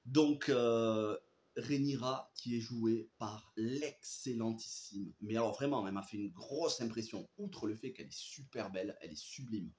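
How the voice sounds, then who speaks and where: A man's voice: medium pitch, unhurried, a little mellow. Enthusiastic French man in echoey room. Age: young adult. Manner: enthusiastic, chatty, many fillers and restarts. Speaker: series reviewer. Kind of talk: casual spoken review.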